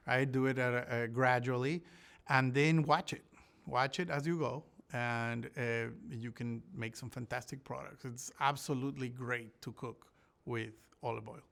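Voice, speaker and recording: Man from Ecuador, smooth voice, halting. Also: mid-range voice, fairly bright tone. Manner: thoughtful, many restarts and fillers. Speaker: olive researcher. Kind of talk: interview answers.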